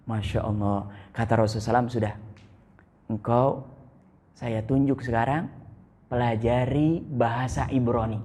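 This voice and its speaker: A man giving a conversational religious lecture as a preacher, telling stories and asking his listeners rhetorical questions, his pitch swinging widely between high and low. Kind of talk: Islamic religious lecture, storytelling. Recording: long hall reverb.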